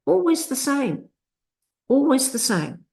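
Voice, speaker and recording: A woman narrates a literacy screencast, slowly and deliberately breaking long words into parts and carefully sounding out each piece. Her voice sits high and is very animated, with vocal fry and a darkish tone.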